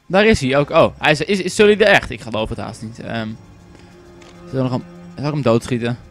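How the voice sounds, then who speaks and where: A young man giving casual, joking let's play commentary, excitable and quick to swear and shout at the game. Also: medium pitch, soft background music. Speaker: gaming commentator.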